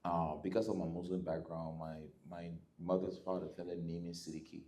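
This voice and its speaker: A man's voice: deep voice, flat delivery, fairly quick, dark tone. A man from Liberia hosting an interview, asking long, rambling questions with many hesitations. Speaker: host.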